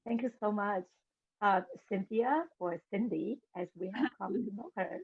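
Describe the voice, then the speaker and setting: A woman's voice: medium pitch, moderate pace, slightly rough, dry recording. A woman moderating an author panel over a video call, giving brief, thankful introductions. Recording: dry, phone-like audio.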